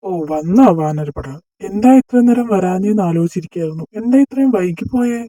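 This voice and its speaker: Teasing college senior in an amateur dub drama, voiced by a young man: mock-scolding banter, mellow and dry. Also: sits high, lively intonation, a little fast, no echo, low-quality recording. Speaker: fan dub voice actor. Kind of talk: amateur dubbed romance drama.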